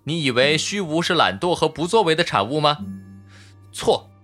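A man's voice: fairly high pitch, expressive, normal speed, a bit bright, faint music behind. A man playing Klapaucius, a smug lecturing robot. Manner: needling, lecturing tone. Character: smug, argumentative male robot constructor. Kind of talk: audiobook character voice.

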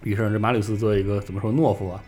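A man's voice: lowish voice, fairly even intonation, rapid-fire, darkish tone. A man hosting a podcast, casually retelling a game's story in a rambling way with many fillers. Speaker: podcast host recounting game lore.

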